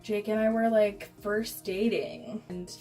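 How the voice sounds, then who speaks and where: Brief: young adult American woman, candid casual vlogger storyteller, middle-pitched, recorded at a distance with music behind. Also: steady tone, slow pace. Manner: candid, giggly, swearing freely, acts out quoted dialogue. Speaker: beauty vlogger.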